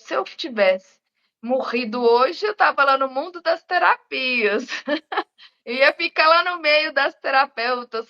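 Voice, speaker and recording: A woman's voice: fairly high pitch, a bit bright. A woman therapist in casual live chat, speaking reflectively and often ending with "né?". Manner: reflective, many "né?" tags. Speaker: integrative therapist. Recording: dull lo-fi live stream audio.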